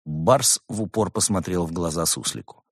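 A man narrating an audiobook in a dry, deadpan manner. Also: deep voice, moderate pace, slightly rough, no echo.

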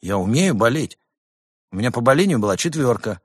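A man voicing a cowardly, hypochondriac male gopher philosopher in a high, whining voice. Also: lively intonation, normal speed, no echo, studio quality.

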